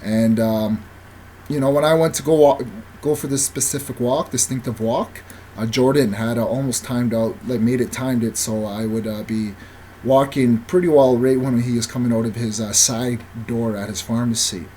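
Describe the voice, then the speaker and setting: A man leaving a voicemail to lodge a formal complaint, halting and full of hesitations. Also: mid-range voice, steady tone, mellow, a little hiss or hum. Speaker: caller.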